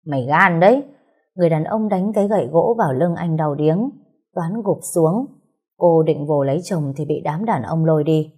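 Low, husky woman narrating a story. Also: normal speed, mellow. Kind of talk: scripted narration.

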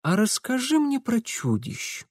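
A man doing a restrained young gentleman. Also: expressive, no room sound, clean studio sound. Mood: coaxing. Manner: measured, low, occasionally barking. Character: young gentleman investigator, restrained, quick-tempered.

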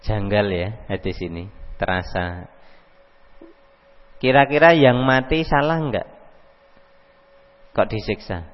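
A man with a Javanese accent giving a religious study lecture, explaining slowly and carefully and mixing in Arabic readings. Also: lowish voice, animated. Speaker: Islamic teacher. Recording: echoey hall, dull lo-fi audio.

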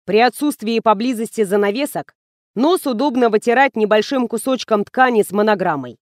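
A woman reading the part of a calm, dryly ironic male publisher. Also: on the high side, a little fast, dry recording, studio quality, natural voice.

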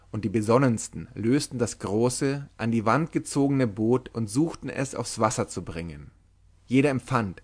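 A male audiobook narrator reads a literary novel. His delivery is measured and dramatic, with a mid-range pitch.

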